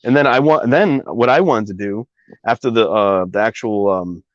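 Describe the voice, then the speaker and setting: A man's voice: on the low side, moderate pace, no room sound. A man casually telling a long personal story, rambling with many fillers and asides. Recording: dry, slightly dull recording.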